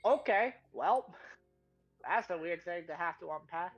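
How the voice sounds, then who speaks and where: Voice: mid-range voice, animated, measured pace, dull audio, faint music behind. A tabletop role-play player thinking aloud, rambling through theories in character.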